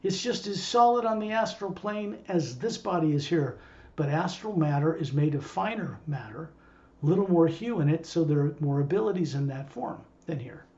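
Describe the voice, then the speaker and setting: A man's voice: fairly high pitch, expressive, moderate pace, warm tone, muffled recording. A man who acts as a spiritual teacher, talking casually and digressively to a small group. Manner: rambling, digressive.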